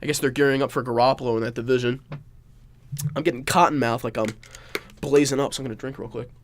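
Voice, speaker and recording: A man's voice: mid-range voice, steady tone, quick pace, a little hiss or hum. A young man with a stuffed-up, nasal voice, hosting a casual solo sports podcast in a rambling, jokey way. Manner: rambling, jokey, self-mocking asides. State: stuffed-up nose, congested. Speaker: podcast host.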